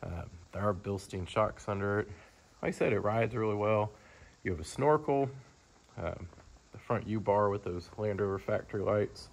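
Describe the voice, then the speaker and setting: A car dealer with a low-pitched voice that often drops into gravelly fry shows off a vehicle on camera in a large indoor showroom, informal and unscripted. He speaks at normal speed in a matter-of-fact way, rambling a little between points. The rough recording, with a little hiss or hum, comes from a handheld camera he's holding from behind.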